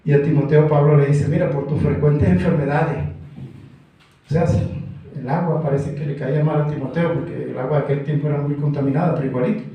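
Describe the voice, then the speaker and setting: A man's voice: fairly high pitch, steady tone, brisk, gravelly, dull audio. Emphatic preacher man in an echoey church. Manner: emphatic, acts out quoted voices. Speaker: pastor. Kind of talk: evangelical sermon. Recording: echoey church room, mic far off.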